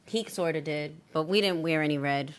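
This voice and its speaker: A woman's voice: deep voice, moderate pace. A woman hosting a podcast in a casual, chatty way, sometimes tripping over her words. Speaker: podcast host. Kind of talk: casual interview chat.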